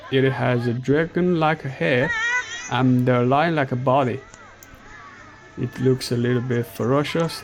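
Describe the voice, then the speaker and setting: Here a middle-aged man from China, a vlogger, talks viewers through a walking tour of an outdoor park. He has a Chinese accent and a medium-pitched voice with vocal fry, and he speaks slowly and haltingly, using lots of fillers.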